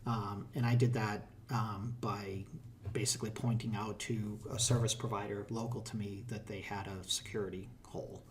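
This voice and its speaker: Boston-accented middle-aged man, relaxed. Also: on the low side, normal speed, slight background noise. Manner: relaxed, explanatory, many fillers and restarts. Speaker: tech hiring manager. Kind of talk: casual interview conversation.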